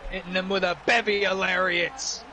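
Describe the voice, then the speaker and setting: A man's voice: high voice, level tone, normal speed, sharp tone, rough recording. A man giving color commentary as a wrestling commentator. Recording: clear background noise.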